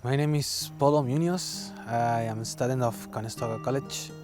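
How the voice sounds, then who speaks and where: A man from Chile with a Chilean Spanish accent and Spanish as his first language, speaking in halting English and repeating words as he searches for them. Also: medium pitch, steady tone, a little mellow, soft background music. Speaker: student guest.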